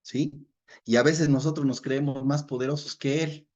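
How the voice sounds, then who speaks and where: A man teaching a Bible study, reading verses aloud and explaining them, who often checks in with his listeners and fills pauses with short murmurs. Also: medium pitch, steady tone, darkish tone, muffled recording.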